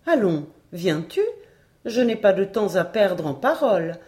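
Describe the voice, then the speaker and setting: A woman reading aloud voices an old spirit woman from a folk tale, coming for a young shepherd as her promised groom. She speaks in an insistent, coaxing storybook voice with a mellow, warm timbre. She is a witch who will not take no for an answer. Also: medium pitch, big pitch swings, unhurried.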